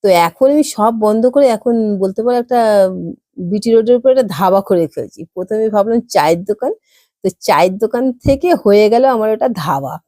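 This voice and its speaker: A woman's voice: mid-range voice, fairly quick, dry recording, studio quality. A woman from Kolkata with a West Bengal accent, telling a story to her viewers in a chatty vlog style and acting out the dialogue. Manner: lively, acts out dialogue in voices. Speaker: vlogger.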